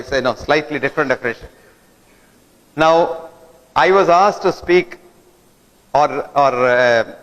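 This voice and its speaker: Man lecturing in an echoing hall. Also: fairly high pitch. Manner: didactic, fires rhetorical questions at listeners. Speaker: guest lecturer. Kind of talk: lecture to an audience. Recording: long hall reverb.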